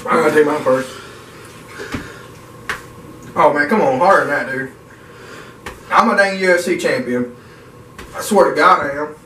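A young man banters in a loose, slangy, joking way. His voice sits a little high for a man. He is recorded at a distance in a reverberant room with clear background noise. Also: normal speed, long pauses, bright, forceful tone. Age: young adult. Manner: jokey, slangy. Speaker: challenge video participant. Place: small bare indoor room. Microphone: camera several feet away. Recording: echoey, noisy room, distant mic.

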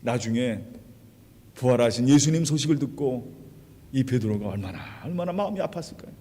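A male pastor preaching a sermon. He retells stories dramatically and acts out the quoted lines, swinging from quiet to loud. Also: mid-range voice, expressive, brisk. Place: church sanctuary. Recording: long hall reverb.

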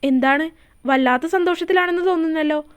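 A woman's voice: very high voice, a little fast. A woman voicing an old grandmother who scolds her grandson playfully in a story reading. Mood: teasing.

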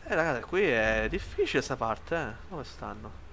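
A man giving lively commentary while playing a shooter game, shouting at enemies and muttering between fights. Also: medium pitch, moderate pace, creaky, slight background noise. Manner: excitable, yells at enemies, then mutters to himself. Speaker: gaming YouTuber.

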